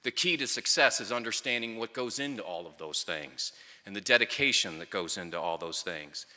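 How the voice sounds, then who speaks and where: A middle-aged man delivers a tribute speech as a wry storyteller. His voice is fairly low and strikingly bright and forceful. He speaks at a microphone in a big hall with long, ringing reverb. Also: expressive, fairly quick. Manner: wry, storytelling with dry humour. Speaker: speaker at a ceremony, former player and coach. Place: large hall or venue, speaking to an audience at a microphone.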